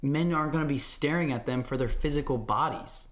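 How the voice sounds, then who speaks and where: A man's voice: fairly high pitch, fairly quick, fairly bright tone. A young man hosting a livestream, chatting casually and playfully with his viewers, rambling through questions and answering messages. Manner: rambling, playful, talks to chat. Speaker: livestream host.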